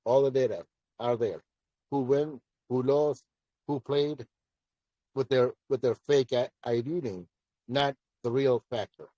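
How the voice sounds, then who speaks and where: In a dry, echo-free, dull-sounding recording of a live audio Q&A, a project founder with a commanding, mellow, dark mid-range voice answers unhurriedly. He talks bluntly, hammering his points home by repeating them.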